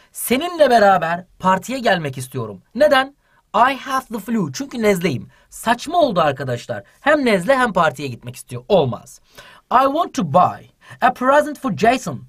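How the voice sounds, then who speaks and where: A man teaching English to children in an online lesson, reading English lines and translating each into Turkish with lively energy. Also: high voice, slightly rough.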